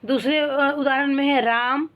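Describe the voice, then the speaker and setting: A woman teaching a primary school Hindi class, explaining slowly and asking questions that she answers herself. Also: high-pitched, fairly even intonation, dull audio. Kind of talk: online class lesson.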